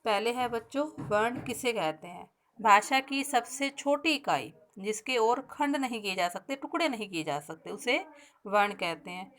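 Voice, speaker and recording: A woman teacher giving a recorded grammar lesson to pupils, explaining step by step, asking the class questions and slowing down to spell out sounds and example words. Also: fairly high pitch, expressive, a bit bright. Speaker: school teacher.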